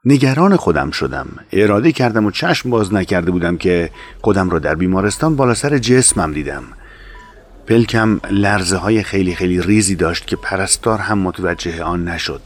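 A man narrating an audiobook in a measured, calm storytelling manner. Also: sits low.

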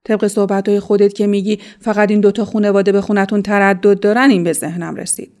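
A woman's voice: medium pitch, flat delivery, darkish tone, natural voice. An actress playing an older, motherly woman who gives knowing advice in a radio drama. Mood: advising. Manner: advising, knowing.

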